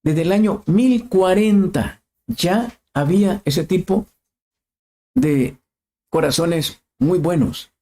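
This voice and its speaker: A man's voice: high-pitched, slow pace, warm tone. A man preaching a sermon, asking questions and repeating phrases for emphasis.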